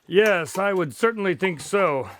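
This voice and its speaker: An actor playing an earnest, loyal doctor and detective's sidekick in an audio drama, speaking in a polite, formal, expressive way. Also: male voice, high voice, unhurried, a little hiss or hum.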